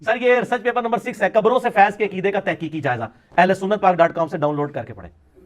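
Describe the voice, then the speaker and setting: A man giving a polemical religious lecture, mocking his opponents and dropping into quips. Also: high-pitched. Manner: sarcastic, mocking, lapses into Punjabi quips. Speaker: religious speaker.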